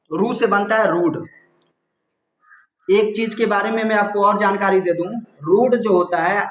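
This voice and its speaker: A man teaching a poem line by line, slowly repeating each word and its meaning. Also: high voice. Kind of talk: line-by-line poem explanation lesson. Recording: echoey dull lo-fi room sound.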